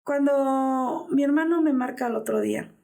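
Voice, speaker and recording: Gravelly-voiced Mexican woman telling an anguished story. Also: high-pitched, moderate pace, darkish tone. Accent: Mexican Spanish. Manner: anguished storytelling that acts out the dialogue. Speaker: interviewee, mother of a missing man. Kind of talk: personal testimony in an interview.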